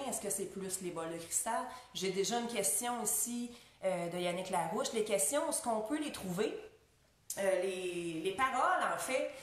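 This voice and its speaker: Earnest Québécois woman, very echoey. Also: mid-range voice. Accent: Québécois French. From Quebec. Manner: gentle, earnest, with many "euh" fillers. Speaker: spiritual singer and healer hosting a live stream. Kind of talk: live stream talk to viewers. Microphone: webcam or phone mic. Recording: very echoey room.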